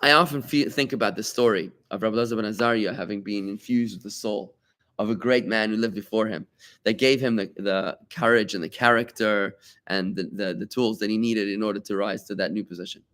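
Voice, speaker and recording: With a lowish voice and a brisk pace, this rabbi teaches a live Talmud class. He stays animated and chatty, firing off rhetorical questions and asides to the students.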